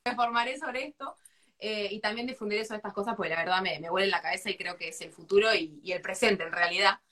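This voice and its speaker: A woman's voice: medium pitch, fast talker, bright, forceful tone. A woman with an Argentine accent hosting a podcast interview, enthusiastic as she wraps up the chat. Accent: Argentine Spanish. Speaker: podcast host.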